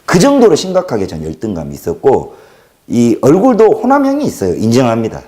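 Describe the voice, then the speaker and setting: Chatting solo on his livestream, a Jeolla-accented man in his thirties from the Jeolla region of South Korea speaks a little fast. His mellow, dark voice leaps around in pitch as he jokes and rambles, dropping to near mutters between louder outbursts.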